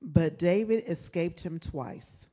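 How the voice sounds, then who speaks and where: A woman in a church class reading scripture aloud, slow and careful. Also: fairly low pitch, lively intonation, warm tone.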